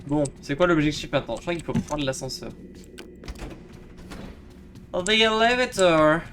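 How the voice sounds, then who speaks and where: A man's voice: on the high side, fast talker, background noise. A man streaming a video game with casual, playful live commentary, often talking to himself.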